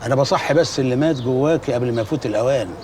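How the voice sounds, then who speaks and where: An actor playing a cautious, conscience-stricken brother with an Egyptian accent, speaking earnestly. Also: male voice, mid-range voice, very fast, far from the mic, noisy background, lightly acted. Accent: Egyptian Arabic. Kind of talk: TV drama acting.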